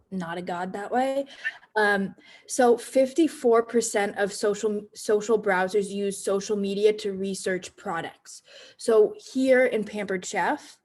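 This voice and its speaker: A woman's voice: mid-range voice, a little mellow. An American woman from Cape Cod presents an informal online training talk as a sales consultant, in a conversational way that checks in with her listeners. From Cape Cod, United States.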